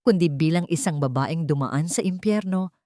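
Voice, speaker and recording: Reading scripted romantic drama as dramatic narration, a woman storyteller uses a fairly low, warm voice at a moderate pace. The recording is dry, with no room sound around her.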